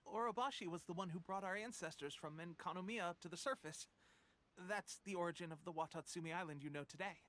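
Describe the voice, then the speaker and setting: In a video game cutscene, an actor plays an earnest young resistance soldier with a cold, coughing between his lines. The voice is high-pitched, fast, and a bit bright, with a slight hiss or hum in the audio.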